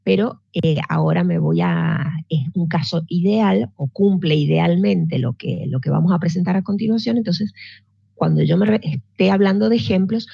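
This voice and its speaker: A woman's lowish, creaky, dark voice with a breathy edge moves at normal speed through an online physics lesson. She's patient and explanatory, often restarting and checking in with her students. The recording has no room sound and a dull lo-fi quality.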